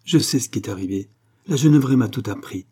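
A man reading a novel aloud and voicing a poor, gentle young clerk who speaks earnestly and tenderly. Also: mid-range voice, lively intonation, fast, breathy edge. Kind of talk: audiobook reading.

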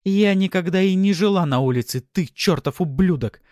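A man reading an audiobook, voicing a furious young wife who shouts back at her abusive husband. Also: on the low side, animated, a little fast, dry recording, clean studio sound, pitched above the performer's own voice, close to an everyday voice. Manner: shouting, defiant.

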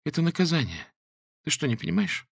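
A man voicing a frightened young woman who speaks high, hushed and anxious. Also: very animated, a little fast, gravelly, no echo, studio quality, heavily acted.

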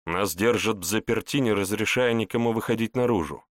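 Man playing a low-voiced earnest young battle mage. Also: fairly quick, no room sound, studio quality, natural voice. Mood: surprised, curious. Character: young male battle mage, weary but warm-hearted soldier.

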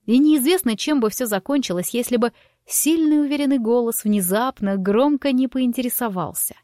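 A woman's voice: a little high, moderate pace, dark tone, dry recording. Woman reading an audiobook, dry voice. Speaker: audiobook narrator. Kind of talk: first-person audiobook narration.

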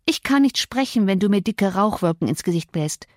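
A woman's voice: medium pitch, expressive, normal speed, darkish tone, no room sound, lightly acted. A woman reading an audiobook, voicing a proud, hurt young woman who pleads in tearful outbursts, in a dry recording. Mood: pleading. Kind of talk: audiobook character voice.

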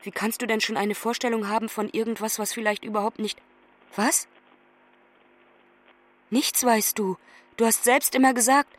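An anxious young woman on the phone. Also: a little high. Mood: distraught. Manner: urgent, pleading phone talk. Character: lonely young woman traveller, anxious and affectionate. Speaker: young woman phoning her mother from abroad. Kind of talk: radio play acting.

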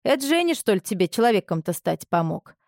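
A woman's voice: medium pitch, sing-song, fast talker, darkish tone, no echo, clean studio sound. A woman voicing a domineering, reproachful middle-aged mother who scolds her grown daughter with indignant questions. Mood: indignant scolding. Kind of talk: audiobook character reading.

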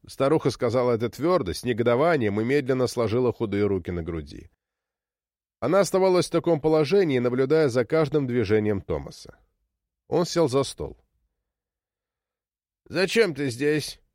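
Expressive male storyteller, dry close sound. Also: medium pitch, no room sound. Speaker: narrator. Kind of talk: scripted narration.

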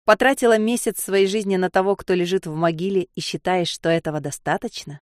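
A woman's voice: lowish voice, steady tone, a little fast, no echo, clean studio sound, natural voice. A woman voicing a stern female judge inside the heroine's head, speaking with sarcastic reproach. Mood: reproachful.

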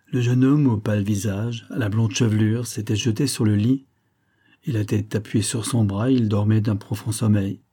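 Low, dark, husky male narrator. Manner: steady, measured reading. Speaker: audiobook narrator. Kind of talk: scripted narration of a classic novel.

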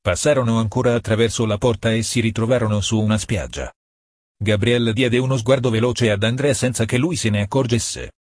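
A man reading a story aloud as an audiobook narrator, in a measured way that slows for emphasis. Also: mid-range voice, dry recording, clean studio sound.

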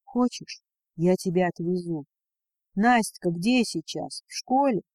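A woman voicing a concerned grown man who speaks slowly and gently. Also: on the low side, no echo, close to an everyday voice. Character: adult man, a concerned colleague.

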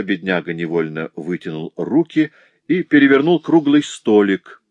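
A man narrating an audiobook in a measured, expressive reading. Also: low-pitched, no echo. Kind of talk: scripted narration.

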